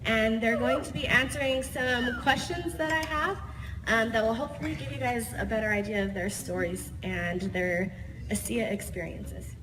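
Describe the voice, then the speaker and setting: A woman's voice: on the high side, normal speed, music in the background. A woman moderating a live athlete panel, upbeat and dotted with fillers. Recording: reverberant event hall.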